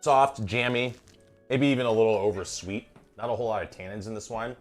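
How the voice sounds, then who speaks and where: A man's voice: on the low side, steady tone, brisk, soft background music. A man hosting a home cooking livestream from his kitchen, tipsy on wine and joking around with lots of swearing. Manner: profane, joking banter. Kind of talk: casual cooking stream chat.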